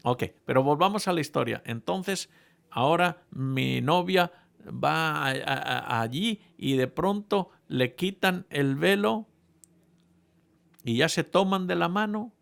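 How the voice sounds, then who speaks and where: A man preaching a sermon, telling a humorous story to his congregation in a playful, animated way with frequent restarts. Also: a little high, slow, gravelly.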